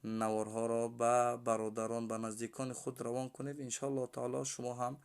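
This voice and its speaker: A man teaching Quran reading, slowly reciting drilled syllables twice each, then explaining rules quickly and quietly. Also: mid-range voice, monotone, gravelly, smooth. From Tajikistan.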